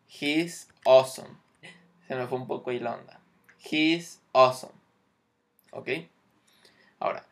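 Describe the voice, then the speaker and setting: A man teaching English grammar, explaining patiently and checking in often. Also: medium pitch.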